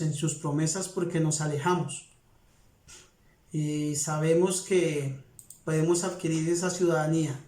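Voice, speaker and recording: A man's voice: on the high side, a little mellow, roomy sound. A man, a pastor preaching to a present congregation in an earnest, repetitive way. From Colombia. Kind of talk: sermon. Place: congregation hall with audience present.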